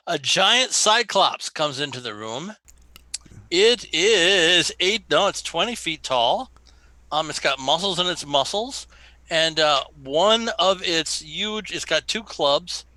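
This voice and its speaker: Sharp, higher-voiced man running a game. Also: sing-song, unhurried, no room sound. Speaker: game master. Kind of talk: improvised tabletop game narration.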